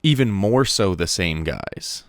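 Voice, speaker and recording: A man hosting a casual movie podcast, relaxed and joking with frequent fillers. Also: low-pitched, takes it slowly, no room sound. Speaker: podcast host.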